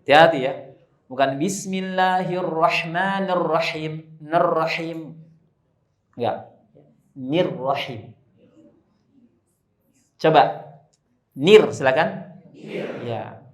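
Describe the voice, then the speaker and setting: A man teaching Quran recitation to a congregation, drawing out slow chanted verses and joking between drills. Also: mid-range voice. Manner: demonstrates slow drawn-out recitation, joking asides. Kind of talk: live tajwid class with congregation. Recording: echoey room.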